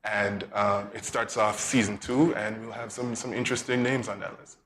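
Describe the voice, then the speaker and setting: A man from Saint Kitts with a Kittitian accent answering casually as an interview guest, thoughtful and halting, often repeating words. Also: lowish voice, steady tone, fairly bright tone. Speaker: interview guest, podcast producer. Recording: faint background noise.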